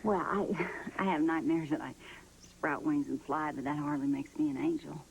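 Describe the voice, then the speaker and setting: An actress playing a down-to-earth mother who comforts her daughter in a soft, homespun way. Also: sits low, steady tone, moderate pace, creaky, a little hiss or hum, poor audio. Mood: soothing. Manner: soothing, homespun, soft-spoken. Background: faint background music.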